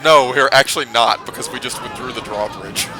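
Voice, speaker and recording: A man's voice: medium pitch, a little fast, heavy background noise. A man casually commenting on a video game with friends, matter-of-factly explaining its details. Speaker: let's play commentator.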